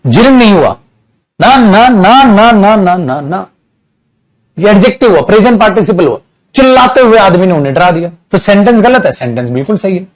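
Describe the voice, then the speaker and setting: A man's voice: sits high, expressive, brisk, rough recording. A man with an Indian accent teaching English grammar, explaining through repeated examples and acting out small dialogues, addressing students as "beta". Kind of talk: classroom lecture.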